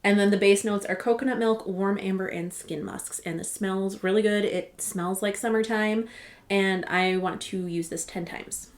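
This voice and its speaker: A woman's voice: medium pitch, fairly even intonation, moderate pace, slight background noise. A woman beauty vlogger casually walking through her chosen products, chatty and often correcting herself mid-sentence. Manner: chatty, self-correcting, rambling asides.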